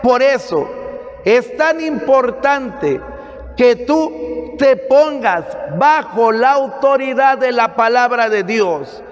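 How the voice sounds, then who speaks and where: High-voiced Mexican priest preaching slowly. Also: male voice, lively intonation, in a large hall, highs cut off. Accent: Mexican Spanish. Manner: emphatic preaching with dramatic pauses. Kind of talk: Sunday gospel sermon. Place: church.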